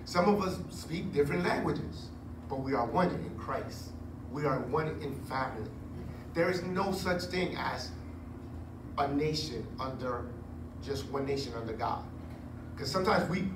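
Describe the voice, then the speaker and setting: A man in his forties preaching a sermon on a church stage into a handheld mic, chatty and animated with joking asides. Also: fairly high pitch, recorded from a distance. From Puerto Rico heritage. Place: church stage with curtain backdrop. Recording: echoey room, recorded from afar, noisy.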